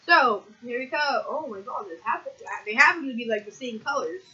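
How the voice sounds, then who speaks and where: A woman chatting casually and loudly on a vlog, teasing her co-host and often shouting during a candy challenge. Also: on the high side, expressive, brisk, muffled recording.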